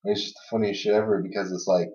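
A man's voice: lowish voice, flat delivery, racing, warm tone. A young man casually telling funny stories on a podcast, rambling with lots of fillers and laughing through them. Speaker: podcast co-host. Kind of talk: casual storytelling chat. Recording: roomy, distant, dull lo-fi sound.

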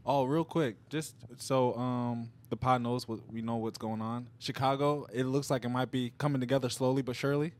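A man's voice: mid-range voice, fairly even intonation, moderate pace, few pauses. Teasing young male podcast co-host. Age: 20s. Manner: teasing, brings up news items. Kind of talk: casual chat.

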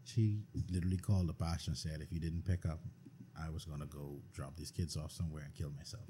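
A man's voice: very deep voice, flat delivery, fast talker, mellow, a little hiss or hum. A Bahamian man, a podcast guest, talking bluntly and earnestly in a casual discussion, often repeating himself.

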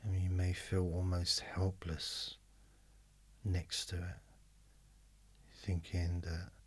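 A male hypnotist speaks in an extremely deep, breathy voice with very little rise or fall. His guided hypnosis is mesmerizing and unhurried, hushed almost to a whisper and spaced with long pauses. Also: monotone. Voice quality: very deep, breathy, husky, often near whisper. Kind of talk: slow guided hypnosis narration.

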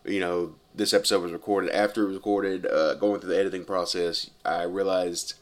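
Male podcast host, low register, nasal and stuffy with a cold, casual direct address. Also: level tone, a little fast. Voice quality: nasal, congested voice. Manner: informal, addresses listeners directly. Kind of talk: casual solo podcast talk.

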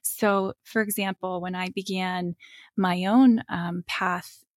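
A woman guest talking through ideas in a thoughtful, unhurried way, with frequent fillers. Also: lowish voice, steady tone, no room sound, clean studio sound. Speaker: guest, spine and energy teacher. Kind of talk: reflective interview talk.

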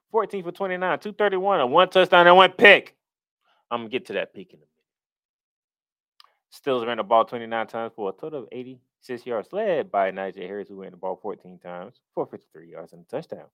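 A man's voice: fairly low pitch, fairly bright tone, smooth, no room sound. A man hosting a sports podcast as a fan, sounding disgruntled and complaining, emphatic and then dropping into asides. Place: podcast recorded in Florida.

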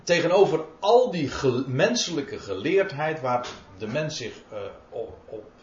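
A man's voice: medium pitch, expressive, unhurried, slight background noise. Man, sermon, emphatic Bible explanation, roomy reverberant sound. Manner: emphatic, quotes and explains scripture. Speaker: preacher. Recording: roomy, dull lo-fi recording.

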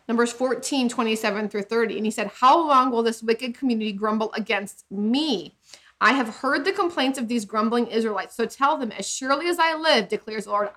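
A woman's voice: on the high side, a bit bright. A woman co-hosting a podcast, casually retelling a story and acting out the voices of its people. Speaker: podcast co-host. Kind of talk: casual chat.

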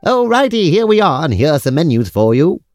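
A man's voice: a little high, sing-song, brisk, a little mellow. A man playing an obliging, formal restaurant waiter with polite, eager service patter in a comic audio drama. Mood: chirpy, formal.

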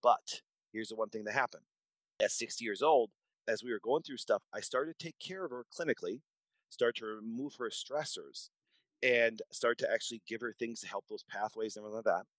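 A doctor in his forties, featured as a podcast guest, recounts stories conversationally in a medium-pitched, fairly bright voice at a slightly fast pace. He's emphatic and repetitive, often breaking off to restart a sentence. The sound is poor, without echo.

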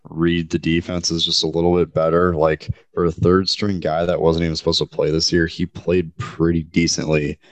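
A man's voice: low-pitched, completely flat delivery, normal speed, hardly any pauses, dry recording. A man co-hosting a casual sports podcast, blunt and opinionated.

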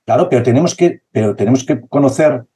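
Man, basketball coach, passionate and insistent, very mellow tone. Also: mid-range voice, quick pace, slight background noise. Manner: passionate, repetitive, acts out dialogue. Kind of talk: conversational interview.

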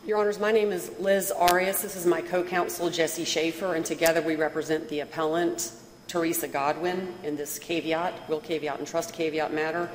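A woman lawyer making a formal, measured and precise oral argument to judges, with a deferential manner. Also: low voice, steady tone. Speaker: appellate lawyer. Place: courtroom. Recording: very echoey hall, faint noise.

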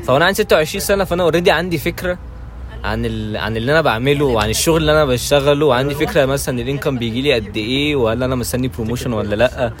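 A man's voice: mid-range voice, very fast. A 21-year-old man with an Egyptian Arabic accent, a guest in a casual podcast chat, earnestly talking through his views at length.

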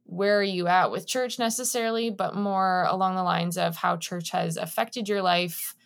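A woman's voice: on the low side, steady tone, normal speed, gravelly. A woman in her thirties co-hosting a podcast, chatting casually and informally in a rambling way as she introduces a guest. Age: 30s. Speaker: podcast co-host.

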